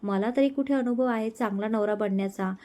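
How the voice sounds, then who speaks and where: A woman voicing a tender, reassuring young man who speaks gently and unhurriedly to his fiancée. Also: fairly high pitch, a little fast, natural voice.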